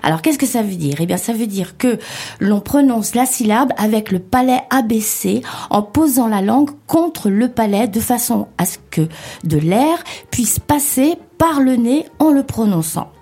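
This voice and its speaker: A woman co-hosting a French-language lesson, explaining pronunciation step by step and spelling letters out slowly. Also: fairly high pitch, animated, mellow, slightly rough. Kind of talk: scripted lesson dialogue.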